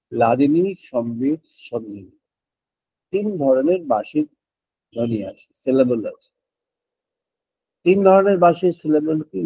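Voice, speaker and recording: An older man giving a devotional spiritual talk in slow, deliberate, drawn-out phrases, slipping in English words. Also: mid-range voice, breathy edge, no room sound. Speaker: spiritual speaker. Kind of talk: devotional discourse. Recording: dull, muffled lo-fi recording.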